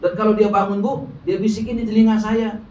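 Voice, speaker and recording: Gossipy bragging housewife played by a man, chatty, high-pitched, echoey far-off recording with faint noise. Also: flat delivery, a little fast, a little mellow, highs cut off, natural voice. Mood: boastful gossip. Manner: gossipy, keeps calling her listener "Bu". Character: chatty middle-aged woman bragging about her pious husband. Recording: echoey hall, distant mic, faint noise.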